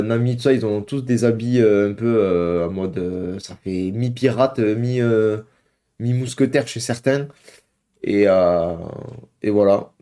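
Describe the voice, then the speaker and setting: Here the young host's voice sits low and sounds warm. Recording a relaxed reaction video at home, he talks chattily to his "guys," stumbling through frequent hesitations and fillers.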